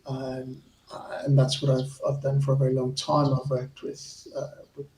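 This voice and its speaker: A man with a Zimbabwean accent, chatting casually as a guest on a racing club show, with a friendly, halting way of talking. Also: mid-range voice, completely flat delivery, a little mellow, echoey room, far from the mic, slight background noise, low-quality recording. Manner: hesitant, restarts phrases, friendly. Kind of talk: casual interview chat.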